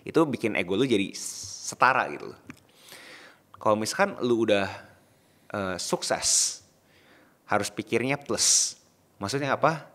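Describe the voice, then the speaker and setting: Man, low voice, podcast co-host, casual slangy chat, probing questions. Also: lively intonation, a little slow, pauses often, fairly bright tone.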